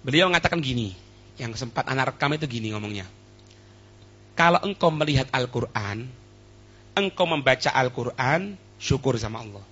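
A man's voice: mid-range voice, lively intonation, moderate pace, pauses often, a bit bright, slightly rough. A man preaching a sermon, quoting Arabic lines, translating them and asking his listeners questions. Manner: quotes Arabic then translates, asks the audience questions. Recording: dull lo-fi recording.

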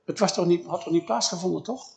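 A man giving a sermon, retelling scripture in a lively way and acting out the dialogue casually. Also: sits high, fast talker, gravelly. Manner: lively storytelling, acts out biblical dialogue in a casual voice. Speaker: preacher.

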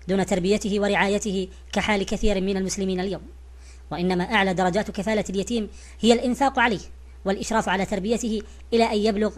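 A woman giving a scripted narration in a formal, literary reading style. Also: medium pitch.

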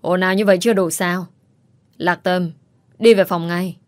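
A woman's voice: lowish voice, fairly even intonation, normal speed, dry recording, natural voice. A woman voicing a stern, weary middle-aged father who scolds his household, in a storybook reading.

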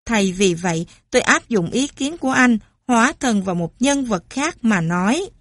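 A woman's voice: on the high side, lively intonation, moderate pace, no room sound, studio quality. A woman voicing a cheerful mother who tells stories theatrically. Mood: animated.

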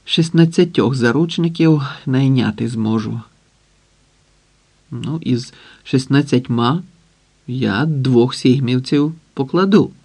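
Nervous young schemer, a male reader doing him: tense self-talk, low-key. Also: slow pace, gravelly, a little mellow, husky, exaggerated voice.

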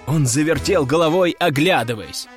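A man narrating a first-person audiobook story in a wry, measured way. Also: fairly high pitch, animated. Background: faint music.

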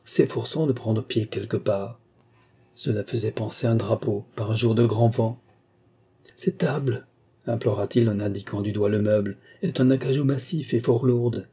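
Dark, husky male audiobook narrator. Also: on the low side, steady tone, moderate pace. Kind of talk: scripted narration.

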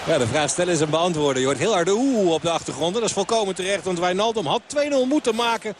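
A man's voice: high voice, animated, quick pace, noisy background. A man giving live play-by-play football commentary on the radio, talking on steadily with filler sounds. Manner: fluent running play-by-play with fillers.

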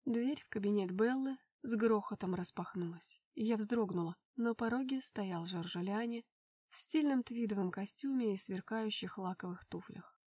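A woman reading a first-person romance novel aloud with steady, even storytelling. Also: mid-range voice, normal speed, recorded from a distance. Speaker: audiobook narrator.

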